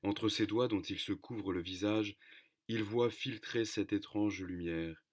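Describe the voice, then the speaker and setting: A man's voice: fairly low pitch, fairly even intonation, unhurried. A man narrating a devotional story in a solemn, reverent manner. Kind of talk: devotional scripture-style reading.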